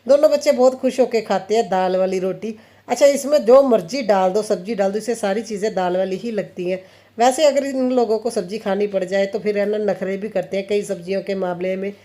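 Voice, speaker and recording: She has a mid-range, dark-toned voice and a brisk delivery. A thirty-something Indian mother who vlogs from home, she chats about her family and what she does in the kitchen while working, laughing often and quoting her family's conversations.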